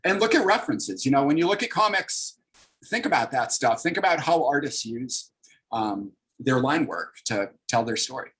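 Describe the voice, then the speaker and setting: A man's voice: medium pitch, animated, moderate pace, a bit bright, poor audio. A man in his thirties, a comics artist leading an online library workshop, talking casually and upbeat with many fillers over a video call.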